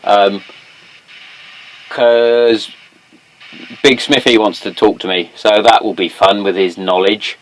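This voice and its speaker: A man's voice: lowish voice, fairly even intonation, slow, long pauses, low-quality recording. A British man hosting a podcast, chatting casually in a matey, sweary, slangy way. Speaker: podcast host. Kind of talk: casual chat.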